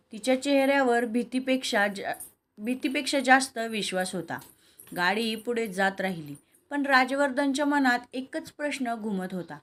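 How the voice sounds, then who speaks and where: A woman's voice: on the high side, a bit bright. A woman reading a romantic serial story aloud, voicing every character in her own voice. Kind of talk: scripted story narration with dialogue.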